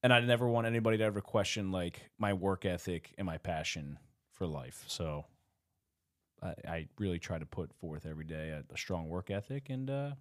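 A man's voice: sits low, animated, brisk. A man in his mid-thirties co-hosting a podcast, rambling through casual chat, laughing often and swearing loosely. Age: 30s. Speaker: podcast co-host.

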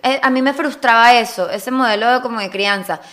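A woman's voice: a little high, fairly quick. A young woman, chatting casually and telling stories with emphasis. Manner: emphatic, animated storyteller. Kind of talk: casual chat.

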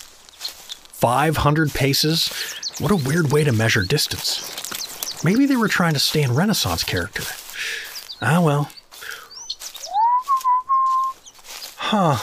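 In a comedic fantasy audio drama, an actor plays a friendly, hapless middle-aged dad from South Dakota who is chummy and rambling. The male voice is on the high side and sounds puzzled, with background noise present.

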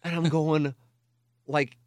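Slow and flat, with a fairly high pitch, an American radio host in his forties from Missouri muses candidly and casually, rambling, mocking himself, and swearing often. It's a dry, studio-quality recording.

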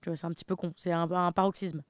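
Fast-talking young Frenchwoman, joking. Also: fairly low pitch, flat delivery, no room sound, studio quality. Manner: jokey, bursts into loud laughing exclaims. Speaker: co-host. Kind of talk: casual chat.

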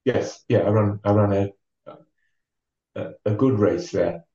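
A man, a former marathon runner from North East England, telling his story as an interview guest, measured, with many ums and restarts. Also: on the low side, dark tone, far from the mic. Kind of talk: relaxed storytelling. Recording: dull, roomy sound from off the mic.

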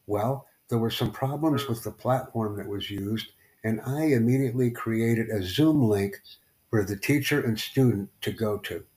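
A man from the United States hosts a casual live stream, talking with strangers he meets online. His voice sits low and sounds mellow and dark. He rambles and halts, leaning on fillers as he goes. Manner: rambling, halting, with many fillers. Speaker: livestream host.

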